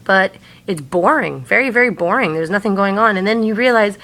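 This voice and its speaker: Woman, gravelly vocal fry, hazy meandering recollection, casual vlog talk, slangy, sweary, mid-range pitch. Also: lively intonation, a little fast, fairly bright tone, low-quality recording. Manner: slangy and sweary, heavy use of "like". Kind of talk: casual rambling personal talk to camera.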